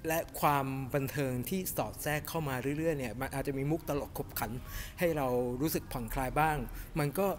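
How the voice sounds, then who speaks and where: A middle-aged man giving a casual, animated film review to camera in a cinema lobby, chatting with lots of fillers. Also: on the high side, a little fast, a little hiss or hum. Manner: chatty and animated, refers to himself by nickname, many fillers. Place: cinema lobby in front of a movie poster, indoors.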